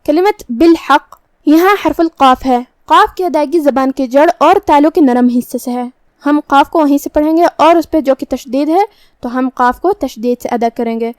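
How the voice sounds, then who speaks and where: A woman teaching Quran recitation rules, calmly and methodically explaining how each letter is sounded. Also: high voice, dry recording. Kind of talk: tajweed lesson.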